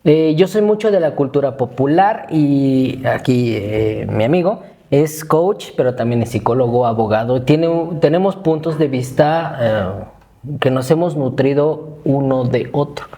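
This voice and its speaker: In a casual podcast, a Mexican-accented co-host in his thirties jokes around and reads aloud his own essay. He speaks a little slowly in an expressive, dark-toned, medium-pitched voice.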